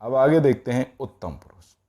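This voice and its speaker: A man teaches Sanskrit grammar in a patient, classroom style, slowly repeating each form and checking in often with "all right." His mid-range voice has a dark tone and an animated delivery.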